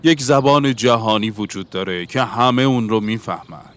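In an audiobook, a man with a fairly low, natural voice reads the part of a bookish Englishman seeking a universal language. The character comes across as earnest and lecturing.

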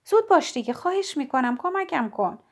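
A woman voicing an anxious young woman who pleads and questions in a high voice. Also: sing-song. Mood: pleading.

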